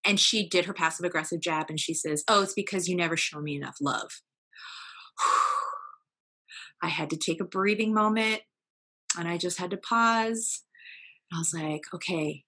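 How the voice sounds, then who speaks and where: Young woman guest on a podcast, bright clear tone, kinda lowish voice, reflective and earnest, lots of ums. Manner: earnest, reflective, with many fillers and restarts. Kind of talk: candid personal storytelling.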